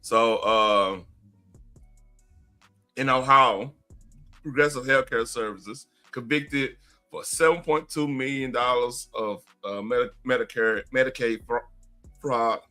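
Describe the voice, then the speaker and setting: A man co-hosts a casual livestream with a bright, forceful voice. He reads news stories in a halting way, pausing mid-sentence to search for things. He is fighting hiccups throughout. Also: medium pitch, soft background music. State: has hiccups. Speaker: livestream co-host.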